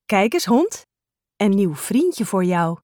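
A woman's voice: medium pitch, sing-song, takes it slowly, warm tone, dry recording, clean studio sound. A woman voicing an eager, brash young boy in a children's story.

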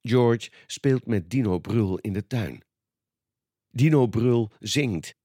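A man reading a children's storybook aloud in a calm, expressive read-aloud manner. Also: medium pitch, slow pace, dry recording, studio quality. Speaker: storybook reader.

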